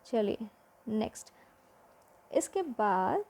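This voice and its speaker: High-voiced, mellow woman teacher. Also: sing-song, takes it slowly, vocal fry. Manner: quizzing the listener with repeated questions. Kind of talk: exam-prep memory-trick lesson.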